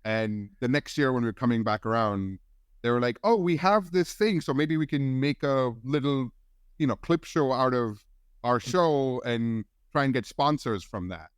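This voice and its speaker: Man, 40s, from India, podcast guest, rambling relaxed storytelling, smooth resonant voice, dry close sound. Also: mid-range voice, moderate pace, no echo. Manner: relaxed storytelling with many restarts and fillers. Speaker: guest film editor. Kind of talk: casual podcast interview.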